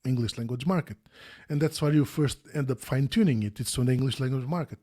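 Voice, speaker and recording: A man with a mellow, mid-range voice speaks fast as a guest on a video call interview. He's a former search quality analyst, and he talks thoughtfully, with many restarts and fillers.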